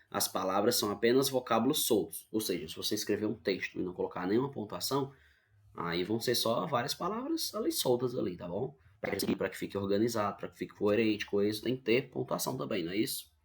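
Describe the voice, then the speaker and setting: Brazilian male teacher, low gravelly voice, patient explainer for an online class. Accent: Brazilian Portuguese. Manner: explains patiently, keeps checking with "tá bom?". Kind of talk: online grammar lesson.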